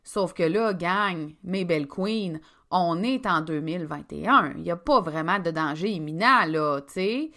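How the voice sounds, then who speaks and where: A woman's voice: on the low side, animated, measured pace, fairly bright tone. A woman with a Québécois accent hosting a casual business podcast, chatty and emphatic, talking straight to her listeners. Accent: Québécois French. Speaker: podcast host, business coach.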